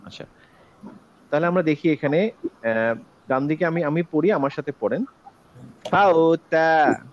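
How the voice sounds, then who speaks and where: A man teaching an online Quran recitation class, drawing out syllables slowly for students to repeat. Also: fairly high pitch, lively intonation, muffled recording.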